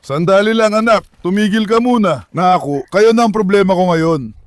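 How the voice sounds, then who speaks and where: A man with a high, light voice vlogs outdoors from his backyard pool. He keeps calling his dogs in with coaxing, affectionate words and chats casually to his viewers. The sound is close and dry, with animal sounds now and then. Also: normal speed, no echo. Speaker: vlogger and dog owner. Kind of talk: casual vlog talk to pets and viewers.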